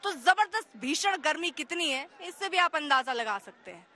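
A woman's voice: high voice, expressive, normal speed, bright, forceful tone. A woman field reporter interviewing people on a city street for TV news, asking playful, teasing questions. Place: outdoors on a busy city street. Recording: noisy street crowd behind. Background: street crowd.

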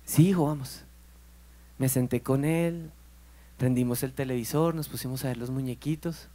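A man's voice: mid-range voice, normal speed. A man, preaching a sermon as pastor and telling stories with acted-out dialogue. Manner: animated storytelling, acts out dialogue.

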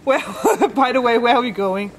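A woman's voice: fairly high pitch, normal speed, crowd noise, poor audio. A young woman whose first language is Danish, vlogging while she explores an abandoned factory, giggling, exclaiming and breaking into song. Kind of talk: casual vlog chat.

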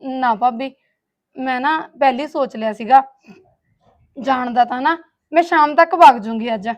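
A woman's voice: high-pitched, a little slow. A woman with a Punjabi accent playing a meek visiting sister who pleads through tears. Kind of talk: comic family drama acting.

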